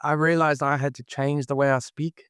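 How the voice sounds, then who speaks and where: Here the South African guest's voice sits fairly high and a bit bright, smooth but flat in delivery, at a normal speed. In this reflective conversational interview he keeps searching for words, speaking with a South African accent. The studio sound is clean, with no room sound.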